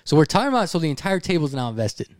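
Young male podcast co-host, slightly high voice, animated storyteller, salty language, dry close sound. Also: racing, dry recording. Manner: animated, swears freely, acts out voices in his story.

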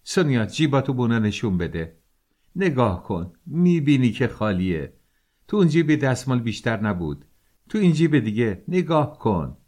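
A man voicing a frantic, indignant woman who shouts and scolds as she defends a girl. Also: medium pitch, animated, husky, pitched above the performer's own voice. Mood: furious, shrill.

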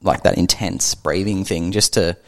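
A laid-back Australian man chats as a podcast guest. His voice sits low and gravelly, and he swears freely. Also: normal speed. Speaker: guest, gym co-founder. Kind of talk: casual podcast chat.

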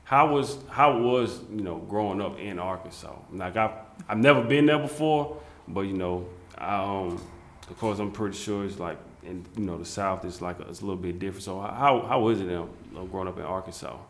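Man host, lowish voice, rambling with fillers, echoey room. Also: normal speed, fairly bright tone. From South Carolina. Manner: rambling, many fillers and restarts. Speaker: interview host. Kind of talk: casual interview.

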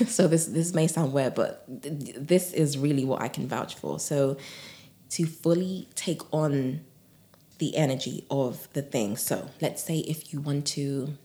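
A woman guest on a podcast, a yoga teacher and author, talking in a gentle, soothing way with frequent laughs and soft breathy asides. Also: low-pitched, unhurried. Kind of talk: relaxed podcast conversation.

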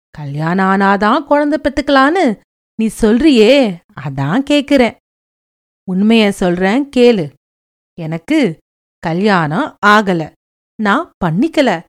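A woman's voice: mid-range voice, sing-song, takes it slowly, long pauses. A woman voicing a blunt, teasing older village woman who talks in a drawling rural way. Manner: rural colloquial speech, drawls and teases.

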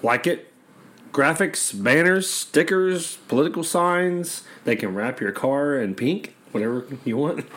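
A man hosting a podcast, his voice a little scratchy from shouting, telling stories in a joking, rambling way. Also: fairly high pitch, lively intonation, a little slow. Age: 30s. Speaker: podcast host. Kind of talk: casual chat.

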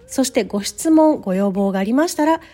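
A woman teaching a bilingual English lesson, upbeat and encouraging, modeling English phrases slowly for learners. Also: a little high, expressive, dark tone.

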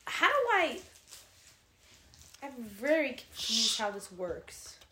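A woman's voice: on the high side, very animated, slow pace, noisy background. A young woman co-hosting a casual podcast with friends, giggly and a little congested. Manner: giggly, reads out game prompts. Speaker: podcast co-host. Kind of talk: casual chat among friends. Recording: echoey room at a friend's house.

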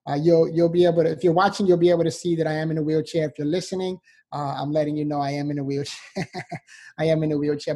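A man in his 40s from New York, USA, speaks with a mellow, slightly high voice as a motivational speaker guest. Telling stories in an interview, he sounds earnest and upbeat, with light laughs and fillers.

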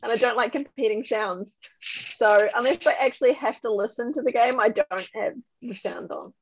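A woman's voice: on the high side, normal speed, breathy edge, no echo, low-quality recording. A woman in a casual gaming chat as one of a podcast panel.

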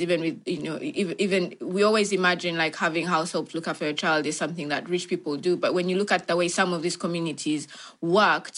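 A young woman from Uganda speaks as an interview guest, with a voice a little lower than most women's. She talks in a reflective way, circling back with fillers and restarts as she thinks. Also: a bit bright. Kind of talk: thoughtful interview answers.

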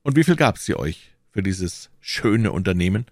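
A man's voice: deep voice, very animated, normal speed, darkish tone, no room sound, studio quality, heavily acted. A man reading an audiobook, voicing a bold young male swordsman who speaks sternly and commandingly.

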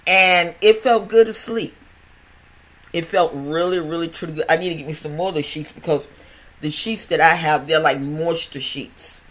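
Here the older host speaks at normal speed in a mid-range voice with a fairly bright tone. He stutters through a casual health podcast monologue, rambling chattily, restarting and repeating words often.

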